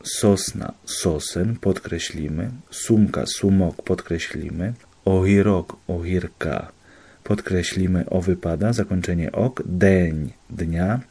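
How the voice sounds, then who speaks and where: A man's voice: deep voice, slow pace, warm tone, slightly rough. A man, a student explaining course material, working methodically through examples one by one in a lesson.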